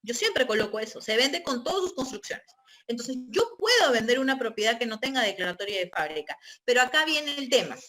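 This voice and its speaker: Woman teaching, fairly high voice. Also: sing-song, fairly quick, a bit bright. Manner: explanatory, checks in with tag questions. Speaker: real estate trainer. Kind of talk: online training lecture.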